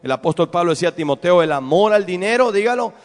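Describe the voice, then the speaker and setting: A man's voice: sits high, expressive, fast, big-room sound. A man with a Mexican accent preaching a sermon as a pastor, asking his congregation rhetorical questions. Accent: Mexican Spanish. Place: church.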